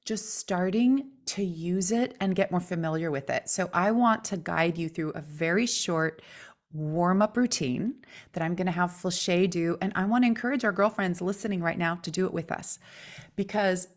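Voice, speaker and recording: A middle-aged woman voice coach chatting with a co-host, animated and quick to laugh as she explains a warm-up. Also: lowish voice. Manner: animated, laughs often, quotes others in lively voices. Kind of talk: casual conversation, coaching.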